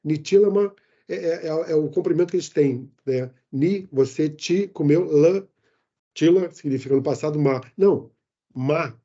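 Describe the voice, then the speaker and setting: Older man, Brazilian Portuguese accent, chatty storyteller, dark husky voice, muffled lo-fi sound. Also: fairly high pitch, normal speed. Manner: animated storyteller, many restarts and fillers. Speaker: guest. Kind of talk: casual interview chat. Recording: dull lo-fi remote podcast audio.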